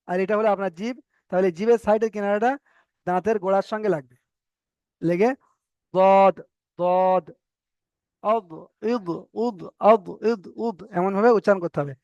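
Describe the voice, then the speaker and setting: A man's voice: high voice, a little mellow, no room sound. A man teaching a recitation lesson, patiently explaining and repeating sounds for students to drill. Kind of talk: online tajweed lesson.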